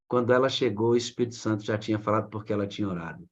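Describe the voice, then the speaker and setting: A man's voice: fairly low pitch, rapid-fire, highs cut off. Man preaching with rising fervor. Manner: preaching with rising emphasis, addressing the congregation. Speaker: pastor. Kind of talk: sermon.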